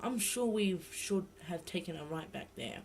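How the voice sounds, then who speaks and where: A young man with a blocked nose gives rambling, self-correcting let's play commentary into a laptop mic while game music plays behind him. His voice sits high and sing-song, with vocal fry, at a normal speed.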